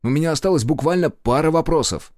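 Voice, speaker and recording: A man's voice: fairly high pitch, lively intonation, fast, darkish tone, dry recording, studio quality, voice pushed up, close to an everyday voice. A male audiobook reader voicing a cheeky young man who answers earnestly and a little insolently. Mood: defiant. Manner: earnest, defensive, casual. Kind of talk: audiobook character voice.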